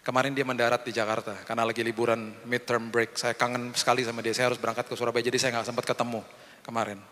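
A middle-aged pastor preaches a sermon in a large church hall, telling personal stories, acting out the voices of their dialogue and addressing his congregation directly. His mid-range voice is rapid-fire and sharp with little pitch movement. Long hall reverb from the church and slight background noise color the recording.

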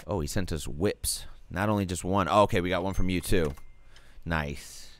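A man hosting a casual online music stream, laid-back, cursing freely and filling pauses with "um" and "like". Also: sits low. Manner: laid-back, swears casually, lots of fillers. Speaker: stream host reviewing music submissions. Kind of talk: casual chat.

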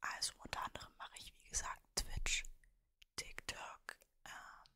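Young German woman in a soft ASMR whisper. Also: a little slow. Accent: Mannheim German. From Mannheim, Germany. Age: early twenties, 23. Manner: soft whisper close to the microphone. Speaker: ASMR creator and streamer. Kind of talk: whispered ASMR, casual personal chat. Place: cosy bedroom, indoors. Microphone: desktop microphone, very close.

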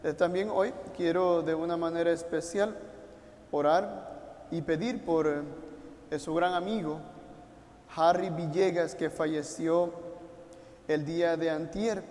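Male priest, Puerto Rican Spanish accent, leading mass in a gently pastoral way, echoing through a church. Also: fairly high pitch, fairly even intonation, slow, pauses often. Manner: warm pastoral, direct appeals to listeners at home. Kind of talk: liturgical address to an online congregation. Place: church altar. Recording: long church reverb.

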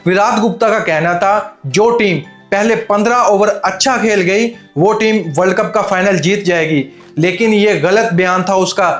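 Young man with high voice breaking down a match. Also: moderate pace, hardly any pauses, fairly bright tone, reverberant, faint music behind. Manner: rhetorical questions, mixing in English phrases. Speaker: cricket commentator. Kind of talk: opinionated match analysis to camera. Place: indoor studio set with armchair. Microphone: lapel mic.

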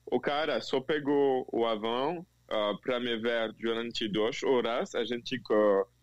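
A man's voice: mid-range voice, fairly even intonation, slow pace, dry recording, muffled recording. A man from France, a company CEO, speaking Portuguese as a second language in an interview, hesitant with many fillers. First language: French.

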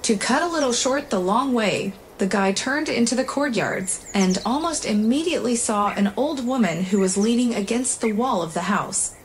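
Calm woman narrating a story. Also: on the high side, moderate pace, hardly any pauses, slight background noise. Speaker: storyteller, channel host.

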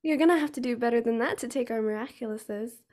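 A woman's voice: a little high, fast, a little mellow, natural voice. A woman voicing a teenage girl heroine who stammers shyly and then teases. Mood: teasing. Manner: hesitant, then teasing. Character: teenage girl superheroine, shy but quick-witted.

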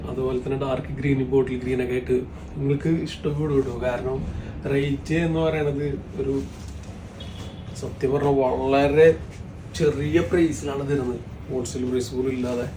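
A man with a Kerala accent giving a repetitive sales pitch as a shop presenter, mixing many English words into his Malayalam. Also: steady tone, moderate pace. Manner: repetitive, salesy patter with frequent tag words. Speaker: shop presenter selling women's outfits. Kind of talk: sales pitch showing products. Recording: roomy, distant mic, faint background noise.

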